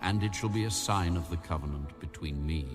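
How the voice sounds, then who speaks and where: A man playing a solemn, commanding God in a dramatized audio Bible, speaking slowly and with authority. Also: low voice, lightly acted. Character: Almighty God, solemn, commanding ancient male deity. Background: background music.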